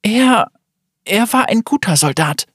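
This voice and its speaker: A man's voice: high voice, expressive, measured pace, fairly bright tone, slightly rough, pitched above the performer's own voice, full character voice. A man voicing an earnest, shaken young woman soldier in a storybook reading, pleading and strained. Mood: upset.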